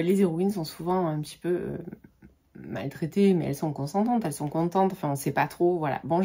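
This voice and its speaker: A woman's voice: fairly low pitch, a little mellow, breathy edge. A woman book vlogger chatting casually about her reading, talkative with many fillers and restarts. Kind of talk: casual chat about books.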